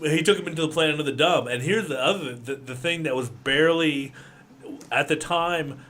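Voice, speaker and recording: A man's voice: a little high, moderate pace, fairly bright tone, a little hiss or hum. A man co-hosting a podcast in casual chat, laughing often and trailing into restarts. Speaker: podcast co-host.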